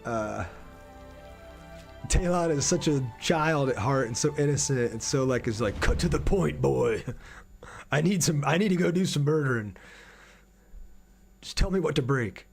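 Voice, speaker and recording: A young game streamer with a medium-pitched, slightly mellow voice offers casual, enthusiastic livestream commentary, chatting informally with viewers. He's animated but unhurried, with vocal fry and frequent pauses. Game music plays behind him.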